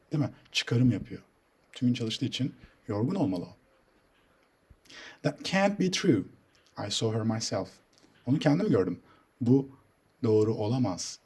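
A man explaining English grammar in a patient teaching voice, reading example sentences slowly and carefully. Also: medium pitch, warm tone, slightly rough. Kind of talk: screen-recorded English lesson in Turkish.

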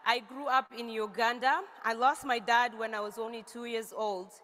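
A woman from South Sudan reading an emotional, grateful success speech on a large stage, sometimes rising to shouts. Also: on the high side, fairly even intonation, normal speed. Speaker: stage speaker at a company event. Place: large stage with reverberant hall. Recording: long hall reverb from stage.

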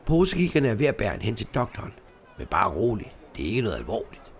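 A hulking, broad-shouldered dealer with a deep voice, as a reader puts him on. He speaks bluntly and firmly, pitched below the narrator's own. A gruff storybook figure. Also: huge pitch swings, slight background noise, heavily acted.

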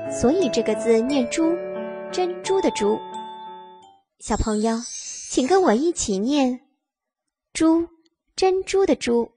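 High singsong woman, as if reading to a toddler. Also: animated, dark tone, faint music behind. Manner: slow, repeats words for listeners to follow. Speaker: children's literacy teacher and narrator. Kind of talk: scripted lesson narration for small children.

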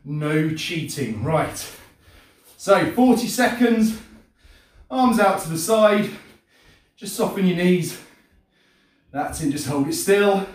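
A middle-aged man instructs a live workout class in a slightly high voice. He coaches with short, encouraging commands. The sound is very echoey, picked up from across a hard-walled home gym. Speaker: fitness and martial arts instructor. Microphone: distant camera mic across the room. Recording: echoey room, far from the mic.

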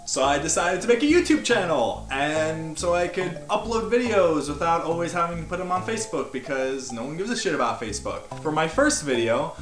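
A man's voice: on the high side, fairly bright tone. A young man giving a casual game review as a YouTuber, with hesitant, repetitive phrasing, recorded in a living room. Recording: roomy home recording, music behind.

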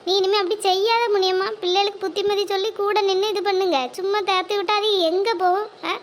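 A woman's voice: very high-pitched, level tone, fast. A woman voicing a fretful, kind older village woman in a cartoon, speaking in a worried, scolding, motherly manner. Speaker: cartoon character. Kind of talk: cartoon voice acting.

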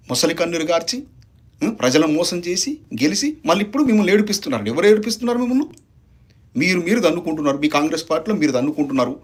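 A man delivers a heated political statement at a rapid clip. His voice sits a little high for a man. He presses his accusations through a steady volley of rhetorical questions. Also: husky. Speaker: opposition party leader.

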